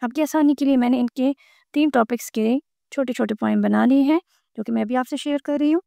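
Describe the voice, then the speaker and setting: A woman explaining a school textbook lesson, reading the English lines slowly and then explaining them in Urdu. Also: high-pitched, creaky, dark tone, no room sound, studio quality. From Pakistan. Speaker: teacher.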